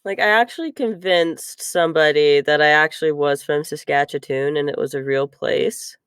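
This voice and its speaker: A young woman chatting on a podcast, giggly and rambling, full of fillers. Her voice is smooth and resonant, and the sound is dry and close. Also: sits low, moderate pace, a bit bright, dry recording. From Canada. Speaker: podcast co-host. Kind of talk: casual chat.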